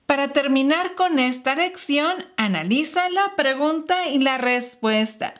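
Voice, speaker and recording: A woman teaching beginner English in a slow, scripted lesson, carefully modeling each phrase. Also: sits high, a bit bright.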